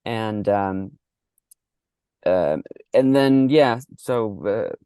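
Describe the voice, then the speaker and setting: A man in his thirties with an American accent, a coach talking as a podcast guest in relaxed conversation, often repeating words as he thinks aloud. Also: lowish voice, extremely slow, clear, resonant tone, no room sound, studio quality. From Mexico, raised in the United States. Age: 30s. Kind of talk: casual podcast interview.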